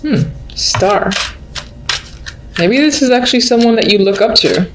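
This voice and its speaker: A woman's voice: fairly high pitch, expressive, unhurried. A woman giving an unscripted mystical tarot horoscope reading, musing and thinking aloud as she addresses the listener. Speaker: tarot reader. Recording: roomy echo, background noise, faint clicks.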